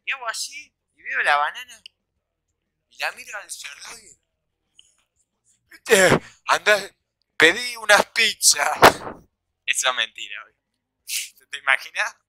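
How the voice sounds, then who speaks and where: A young man with a Rioplatense Spanish accent telling a comic story, acting out quoted voices and shouts. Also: a little high, sing-song, normal speed, dry recording, rough recording. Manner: acts out quoted voices, shouts and sound effects. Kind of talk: animated comedic storytelling.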